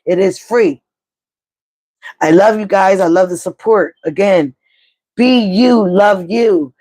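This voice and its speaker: A middle-aged woman doing a live tarot reading. She talks to her viewers in a blunt, encouraging pep-talk way and drops casual swear words. Her pitch sits at an ordinary middle height for a woman. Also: slow pace, warm tone. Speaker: tarot reader.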